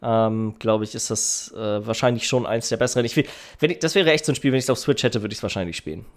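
A man's voice: mid-range voice, fast. A man chatting casually as a podcast co-host, colloquial and often thinking aloud as he goes. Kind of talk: casual chat.

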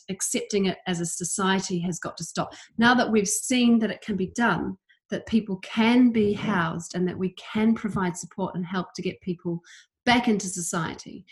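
Earnest woman from New Zealand. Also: medium pitch. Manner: earnest, emphatic, with restarts. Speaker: homelessness campaigner, guest. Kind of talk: earnest interview answers.

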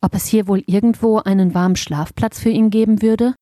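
Woman narrator, children's story, mellow tone, dry close studio sound. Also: medium pitch, fairly quick, no echo. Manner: gentle, expressive storytelling. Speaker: audiobook narrator.

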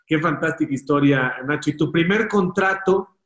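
A man's voice: a little high, moderate pace, fairly bright tone. A man interviews a guest and asks short follow-up questions. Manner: brief prompts and follow-up questions. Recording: roomy echo.

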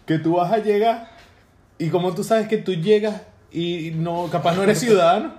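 A young man with a Venezuelan accent jokes around with friends, full of slang and laughter. His voice sits slightly high. The room is echoey. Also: moderate pace, a little mellow. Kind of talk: casual banter.

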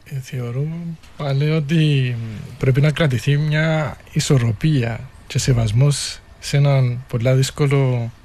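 A man of middle pitch speaks with a Cypriot Greek accent. He talks in an unscripted discussion, thinking aloud in a halting way. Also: fairly even intonation, a little mellow.

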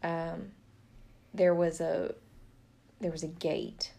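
Chatty woman, slightly low voice. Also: flat delivery, slow, gravelly, warm tone. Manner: chatty, joking, laughs often. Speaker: podcast co-host. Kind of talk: casual book discussion. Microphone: podcast mic.

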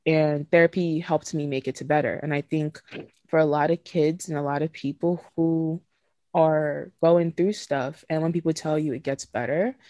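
A woman's voice: deep voice, steady tone, moderate pace, mellow, dry recording. A woman in her twenties, from Nigeria, talking frankly and emotionally as a podcast host, swearing casually and laughing between thoughts. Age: 20s. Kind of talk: candid podcast conversation.

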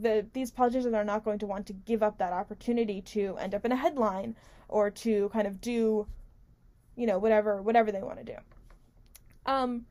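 Female political talk host, slightly high-pitched, conversational and opinionated, unscripted, emphatic, prone to interrupting herself. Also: dark tone. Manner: rambling, self-interrupting, conversational, with emphatic stresses. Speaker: host of a weekly political talk radio show. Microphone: studio-style microphone pulled close, with squeaky stand.

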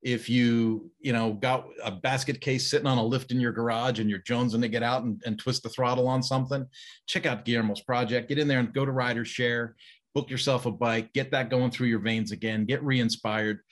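A man's voice: mid-range voice, fairly even intonation, a little fast. A man hosting a podcast interview, chatty and upbeat, wrapping up with a guest. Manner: chatty, laughing, plugs the guest. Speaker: podcast host. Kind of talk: casual interview chat.

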